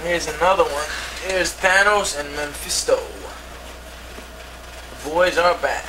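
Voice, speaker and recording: A man with a fairly high voice speaks a little slowly and fairly evenly, putting on a TV-presenter act as he displays his comics. It's an old home VHS tape recorded indoors, full of hiss, with the camcorder microphone far across the room.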